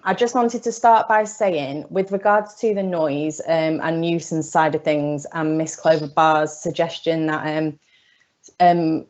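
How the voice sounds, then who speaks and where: A woman with a low, darkish voice addresses a committee as a local resident, giving an earnest formal statement. She halts often and uses many fillers, and the audio has the dull quality of an online call.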